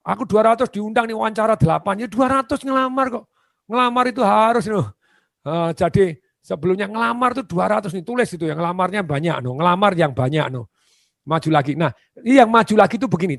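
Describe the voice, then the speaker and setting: Male seminar speaker, high and gravelly, lively and repetitive, turns to the audience with questions; dry recording. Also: no echo. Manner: animated, repeats key phrases, quizzes the audience; acts out dialogue in shifting voices. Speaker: motivational speaker. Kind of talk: seminar talk on job hunting.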